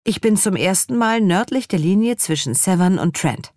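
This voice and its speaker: A woman with an expressive, mid-range voice at a moderate pace plays an eager, shy young woman, pitching above her own voice while still sounding natural. Her tone is a little mellow, and the recording is dry and studio-clean.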